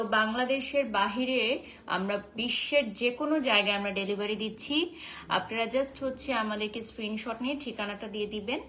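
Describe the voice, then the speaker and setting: A woman, chatting casually in a live-stream sales pitch, answering viewer comments and slipping in English filler words. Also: fairly bright tone, a little hiss or hum, poor audio.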